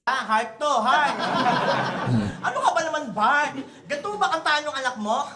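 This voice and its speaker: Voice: sits high, lively intonation, moderate pace. A battle rapper firing brash insults at an opponent and playing to the crowd between lines. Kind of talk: rap battle verse delivered to an opponent. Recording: live battle recording with a loud crowd and heavy noise. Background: loud crowd.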